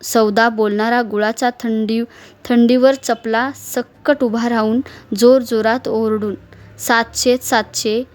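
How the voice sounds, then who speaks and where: A woman reading a village short story in steady, dialect-flavoured narration. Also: a little high, slow pace.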